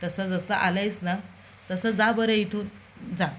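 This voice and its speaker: A woman reading the lines of a sharp-tongued woman of the house who scolds and mocks. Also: medium pitch, steady tone, measured pace, a little hiss or hum, natural voice, poor audio. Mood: scolding. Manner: mocking, scolding.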